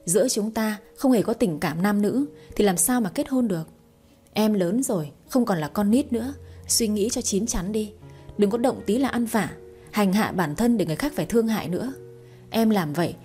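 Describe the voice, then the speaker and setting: Woman reader playing a patient young man, firm, mellow voice, storybook romance, faint music. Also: medium pitch, animated, brisk, slightly rough. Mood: scolding.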